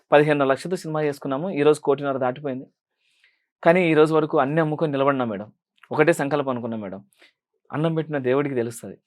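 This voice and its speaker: A young man with a Rayalaseema Telugu accent, a film director and actor answering interview questions earnestly and deferentially. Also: on the high side. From Rayalaseema, India. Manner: earnest, rapid, addresses interviewer as madam constantly.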